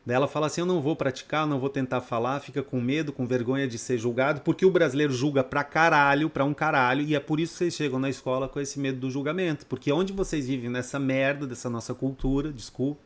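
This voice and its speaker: In a mid-range voice and at a quick pace with few pauses, a man from Brazil gives an unscripted trading-course lecture to his students. He is blunt and profane, and he leans on rhetorical questions.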